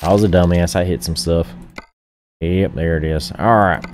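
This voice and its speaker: Drowsy low-voiced man rambling over engine noise. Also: normal speed. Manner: rambling, full of "uh" and "um", talks to himself. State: tired, drowsy. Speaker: gaming streamer. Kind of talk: casual gameplay commentary. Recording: steady game engine noise behind the voice.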